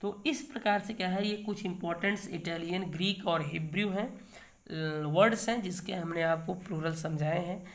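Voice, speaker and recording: A man's voice: high voice, moderate pace. A middle-aged man teaching English grammar in an online video lesson. He explains patiently, keeps asking himself rhetorical questions and checks in with the viewer.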